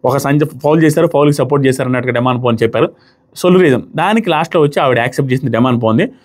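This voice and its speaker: A man giving casual, animated commentary on a reality show and acting out the contestants' quoted lines. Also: mid-range voice, racing.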